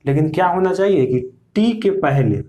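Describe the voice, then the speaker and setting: A man's voice: on the high side, expressive, warm tone. A man teaching a lesson, explaining step by step and asking the class quiz questions. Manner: slow, repetitive explaining with quiz questions to students.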